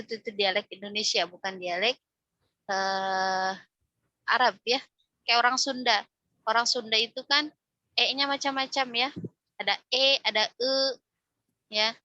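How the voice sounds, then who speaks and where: A woman's voice: on the high side, pushed and bright, no room sound, highs cut off. A woman teaching a religious class on Quran recitation, explaining step by step and often ending phrases with a questioning "ya". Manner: explains step by step, frequent tag "ya", demonstrates recitation aloud.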